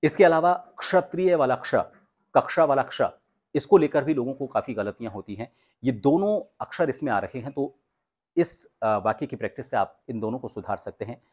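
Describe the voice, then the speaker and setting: A man giving a pronunciation lesson, explaining patiently and reading practice sentences slowly and with emphasis. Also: mid-range voice, lively intonation, darkish tone. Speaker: speech coach.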